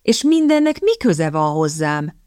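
Woman voicing a grumbling, sardonic gentleman. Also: low voice, big pitch swings, no room sound, clean studio sound. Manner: slow, grumbling, mocking. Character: grumpy, sardonic young gentleman.

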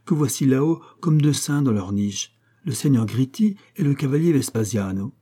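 A man's voice: medium pitch, expressive, moderate pace, dark tone, breathy edge, voice pushed up. A man reading aloud voices a flirtatious, laughing courtesan woman, with a teasing, dramatic delivery. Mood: playful.

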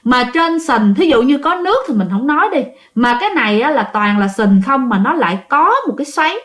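A woman's voice: sits high, animated, a little fast, fairly bright tone. Chatty woman storyteller. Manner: chatty, addresses listeners directly. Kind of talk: casual ghost story narration.

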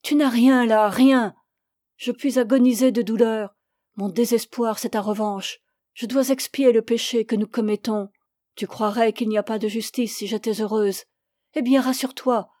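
A woman's voice: fairly high pitch, mellow, no room sound, studio quality, natural voice. A woman reading an anguished, reproachful lover. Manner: impassioned, reproachful. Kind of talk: audiobook reading.

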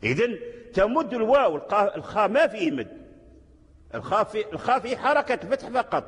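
A man's voice: high voice, sing-song, fairly quick, a bit bright. A man with a Moroccan accent teaching Quran recitation rules, explaining patiently and chanting short verse examples. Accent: Moroccan Arabic. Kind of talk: recorded lecture on recitation rules. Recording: echoey hall.

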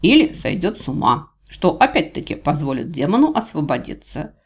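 A woman reading an audiobook voices a smug, cruel male villain god who talks with drawling, mocking calm. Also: low voice, normal speed, husky, exaggerated voice. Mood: menacing. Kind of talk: audiobook character voice.

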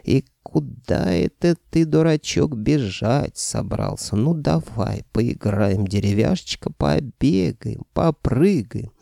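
A man voicing a sly three-headed dragon that coos in slow, drawn-out baby talk. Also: mid-range voice, animated, vocal fry, mellow, no room sound, clean studio sound, heavily acted. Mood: cooing.

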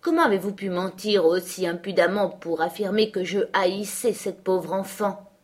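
A woman voicing a harsh, brooding man who mocks and threatens, forceful and insistent. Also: medium pitch, moderate pace, lightly acted. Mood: mocking. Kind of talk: audiobook character voice.

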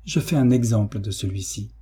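A man's voice: fairly low pitch, a little fast, warm tone, husky. A man reading aloud, voicing a cruel, domineering landowner who speaks in a stern, threatening way. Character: cruel, domineering male landowner, middle-aged.

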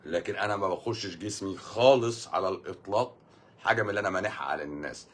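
An Egyptian man hosting a casual live stream, answering viewer comments with quick jokes. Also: low-pitched. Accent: Egyptian Arabic. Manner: quick, joking, reads viewer comments aloud.

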